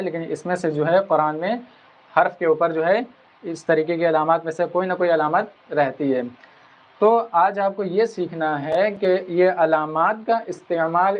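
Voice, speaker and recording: Man teaching in a slightly high, dull recording. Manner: patient, repetitive, spells sounds out slowly. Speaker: Quran teacher. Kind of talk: explanatory lesson.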